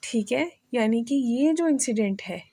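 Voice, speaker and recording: A woman teaches English vocabulary in a slightly high voice, taking her time over every word. She reads example sentences out even more slowly and keeps checking that her listeners follow. The recording is dry and close, with no room sound. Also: slightly rough, no room sound. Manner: repeats "theek hai" to check understanding.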